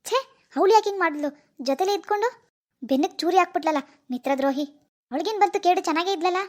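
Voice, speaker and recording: A woman voicing a caring teenage schoolboy in a cartoon, speaking in a lower, concerned, questioning voice. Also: quick pace. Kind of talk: cartoon voice acting.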